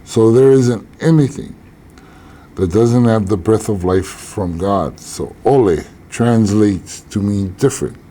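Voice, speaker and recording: An older man from Hawaii, an elder teaching about tradition in a slow, measured way with deliberate pauses. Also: on the low side, mellow, slight background noise.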